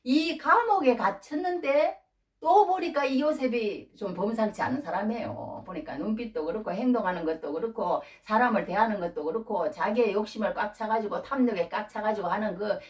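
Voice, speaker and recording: A woman's voice: medium pitch, fairly quick, roomy sound, recorded from a distance. A woman preaching a conversational Bible sermon in a folksy way, retelling the scripture and acting out its dialogue.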